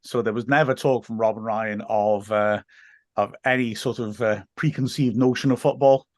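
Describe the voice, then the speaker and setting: A man's voice: on the low side, steady tone, normal speed, no room sound. Earnest man in a dry-sounding room. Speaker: interviewer, football fan. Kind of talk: casual conversation.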